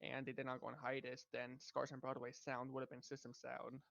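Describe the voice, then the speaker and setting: A man joins a casual podcast chat as a guest, speaking hesitantly with lots of fillers. His voice is gravelly and flat in pitch. The audio sounds dull and lo-fi. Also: a little fast, dry recording.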